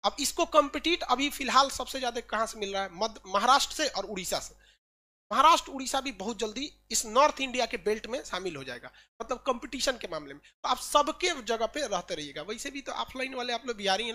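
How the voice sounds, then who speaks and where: A woman's voice: on the high side, sing-song, fairly quick, sharp tone. A woman teacher running an exam-prep lesson, quizzing students with repeated questions and joking asides.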